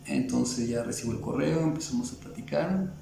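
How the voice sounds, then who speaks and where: A man's voice: mid-range voice, moderate pace, gravelly, roomy sound, background noise. A Mexican man with a Mexican Spanish accent, an illustrator in a casual interview, talking in a rambling way with many fillers and restarts. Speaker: illustrator guest.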